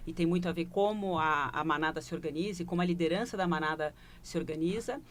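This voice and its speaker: Brief: Brazilian woman, low-ish pitch, reflective consultant, interview answers, light hiss. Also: fast talker. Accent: Brazilian Portuguese. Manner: reflective, tags phrases with questioning asides. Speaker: corporate leadership consultant. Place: broadcast studio.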